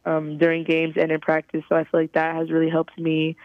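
A young woman from California, a college softball player, giving halting, thoughtful interview answers over a phone call. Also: low voice, monotone, no room sound. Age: young adult. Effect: heard over a phone call. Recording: tinny, dry phone line.

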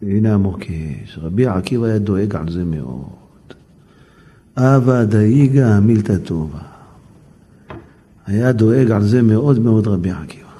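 A male rabbi tells a Talmud story as a lesson. He quotes the Aramaic and then explains it in lively storytelling. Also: fairly low pitch.

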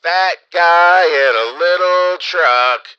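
A man imitating a coworker teasing him over a truck's PA system, shouting the words in a drawn-out sing-song. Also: high voice, smooth, no room sound, highs cut off, voice pushed up, exaggerated voice. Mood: mocking. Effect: mock PA loudspeaker sound made with the voice.

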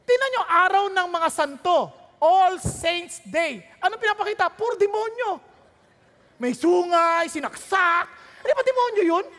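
A woman's voice: very high-pitched, a bit bright, in a large hall. A woman pastor preaching a sermon, throwing rhetorical questions and jokes at the congregation while mixing Tagalog and English.

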